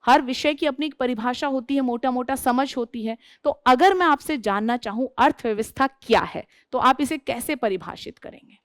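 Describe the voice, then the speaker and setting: A woman's voice: sits high, moderate pace, few pauses, no room sound, clean studio sound. A woman teacher giving a classroom lecture who keeps asking her class questions and then answering them herself.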